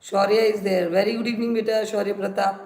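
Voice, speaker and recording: A woman with an Indian accent teaches English grammar on a live stream, repeating examples and rules instructively for her students. She talks fast at medium pitch with a level tone. The recording has a roomy echo with faint noise and clicks.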